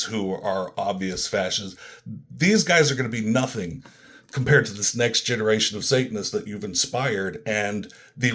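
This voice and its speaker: An American man speaking as an interview guest in an earnest, polite, eager conversational way. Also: fairly low pitch.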